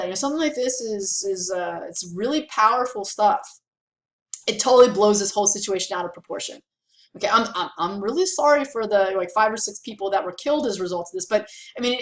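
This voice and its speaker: Chatty woman teacher in an echoey room. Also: medium pitch. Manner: chatty, animated, lots of fillers. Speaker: history teacher. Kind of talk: casual classroom lecture.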